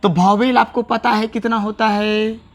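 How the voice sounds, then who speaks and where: A man's voice: high voice, level tone, unhurried. A man teaching English grammar on a whiteboard. He repeats key words and puts rhetorical questions to his students. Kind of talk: classroom lecture to camera. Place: classroom with a whiteboard.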